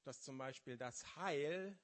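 A man in his fifties giving a testimony sermon in a church, often pausing and searching for words before building to fervent emphasis. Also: medium pitch. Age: 50s. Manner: halting, searching for words, then rising with fervor. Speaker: lay preacher.

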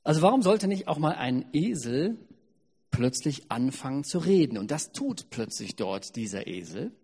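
A man preaching at a family service, retelling a Bible story in a lively, chatty way with asides. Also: on the high side, moderate pace, breathy edge. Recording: long hall reverb.

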